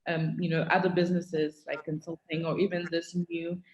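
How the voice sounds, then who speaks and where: A woman with a low voice speaks on a video panel from an echoey room. The sound is dull, and she talks earnestly with some fillers. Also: flat delivery, normal speed, darkish tone. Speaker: foundation founder. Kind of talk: online panel talk.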